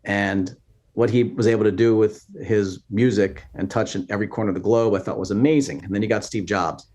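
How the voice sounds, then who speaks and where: A podcast guest in his fifties speaks in a low-leaning voice, a little fast, during a casual interview. He comes across earnest and inspirational, with a relaxed manner.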